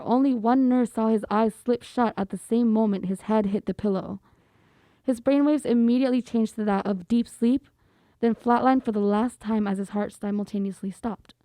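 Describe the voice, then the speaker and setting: A woman's voice: fairly high pitch, warm tone, no room sound. A woman hosting a podcast, reading a horror story aloud steadily and chatting casually with guests. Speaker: podcast host.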